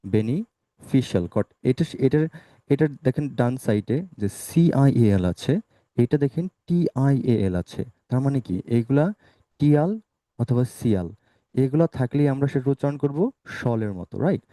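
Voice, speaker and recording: A male teacher leading an online spoken English class, saying words slowly and asking students to repeat them. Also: medium pitch, lively intonation, mellow, dry recording.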